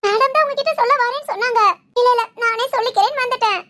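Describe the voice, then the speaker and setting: A woman's voice: very high voice, rapid-fire, bright, forceful tone. A woman playing a young pregnant wife who is overjoyed and weepy, crying and laughing as she talks. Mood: elated. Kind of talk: village family drama acting.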